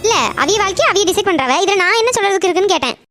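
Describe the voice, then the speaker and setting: A woman's voice: very high-pitched, expressive, rapid-fire, soft background music. A woman voicing a sulky, greedy mother in a cartoon who grumbles over a match. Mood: grumbling. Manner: grumbling, sharp retorts.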